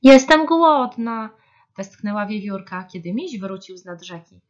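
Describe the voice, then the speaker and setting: A woman reading children's stories aloud in an animated, expressive way. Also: mid-range voice, moderate pace. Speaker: storyteller. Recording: dull lo-fi storybook reading.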